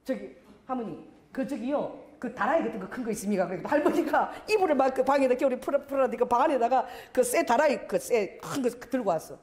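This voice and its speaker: A woman's voice: a little high, quick pace, roomy sound. A middle-aged woman pastor preaching a sermon, telling a story with lots of drama and acting out the scenes. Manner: animated, dramatic storyteller who acts out scenes.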